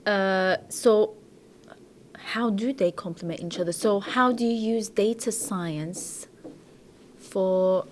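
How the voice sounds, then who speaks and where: A woman's voice: medium pitch, slow, slight background noise. A woman hosting a podcast interview, asking questions with hesitant restarts. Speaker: podcast host.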